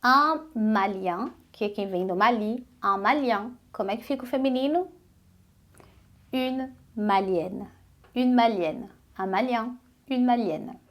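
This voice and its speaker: Woman teaching French, slightly high voice. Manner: slow, carefully repeated French examples between casual Portuguese explanations. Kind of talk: online language lesson.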